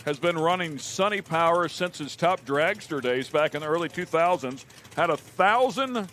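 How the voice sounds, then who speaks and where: A man's voice: a little high, expressive, moderate pace, sharp tone. A man giving live motorsport commentary from the booth. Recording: faint track and engine noise.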